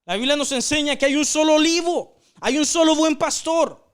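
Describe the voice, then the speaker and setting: A man's voice: very high voice, moderate pace, fairly bright tone. A man leading a Bible study, teaching earnestly, repeating phrases for emphasis and often addressing listeners as brother.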